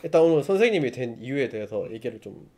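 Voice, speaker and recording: A man's voice: mid-range voice, very animated, quick pace, darkish tone. A man hosting a casual chat among teacher friends, easygoing and giving brief backchannels. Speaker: host.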